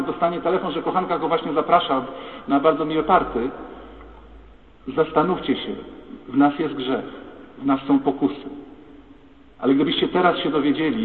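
A priest with a slightly high voice delivers a rhetorical sermon, turning directly to the congregation with questions and appeals. Recorded from a distance, the sound is tinny and phone-like and echoes at length through a large church hall.

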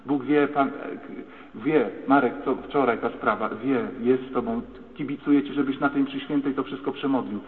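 A man preaching a lively, dramatic sermon as a priest in a church. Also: mid-range voice. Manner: lively, dramatic, acts out shouting voices. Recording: echoey church, tinny phone-like sound.

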